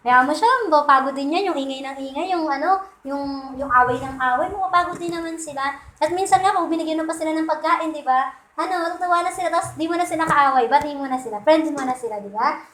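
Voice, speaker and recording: A woman's voice: high-pitched, fairly bright tone, echoey room. A woman preaching a Sunday sermon in a conversational way, often checking in with her listeners and acting out little quoted lines with humor. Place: church hall.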